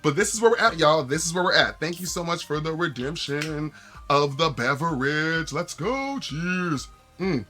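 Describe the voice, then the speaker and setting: A man's voice: a little high, moderate pace, soft background music. A man streaming live, chatting casually to viewers and telling a story with lots of restarts and acted-out quotes. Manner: animated storyteller with many restarts and quoted voices.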